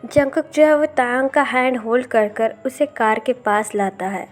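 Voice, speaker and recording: A woman's voice: a little high, normal speed, faint music behind. Woman reading a story aloud.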